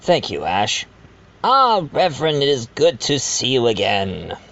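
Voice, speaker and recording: Heavily acted, a mid-range voice with wildly swooping pitch, vocal fry and a fairly bright tone plays a genial, scheming wealthy host in an amateur murder-mystery audio drama that is part narration. He addresses his guests formally, deliberately and with courtesy, and the recording is muffled.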